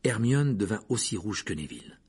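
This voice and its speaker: A man narrating a storybook in an expressive, measured reading voice. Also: lowish voice, slightly rough. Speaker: audiobook narrator.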